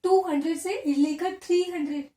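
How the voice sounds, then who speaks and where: A woman's voice: very high voice, steady tone, normal speed, mellow. A woman teaching biology, who explains step by step and asks and answers her own questions. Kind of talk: classroom lecture. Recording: roomy echo, a bit far from the mic.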